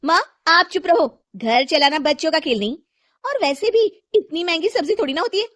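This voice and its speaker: A woman's voice: animated, normal speed, dry recording, studio quality. A woman voicing a rude, arrogant young housewife who scolds shrilly. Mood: snappish. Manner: shrill, scolding and sharp-tongued.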